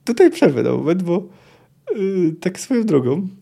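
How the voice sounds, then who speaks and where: Man, podcast host, casual book talk, mellow tone, halting delivery. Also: high voice, big pitch swings, vocal fry, slightly rough. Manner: thinking aloud, frequent hesitations and restarts.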